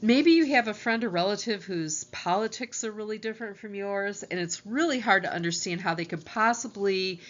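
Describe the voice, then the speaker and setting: A woman's voice: medium pitch, normal speed, few pauses, a bit bright, highs cut off. A woman college lecturer, explaining course ideas over slides in a conversational teaching tone.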